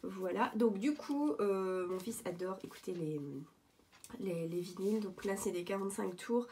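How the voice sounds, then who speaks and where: Mellow-voiced woman chatting casually. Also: medium pitch, moderate pace, a little hiss or hum. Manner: chatty, hesitant with many fillers and restarts. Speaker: vlogger showing thrift finds. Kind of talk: casual show-and-tell vlog. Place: at home, indoors.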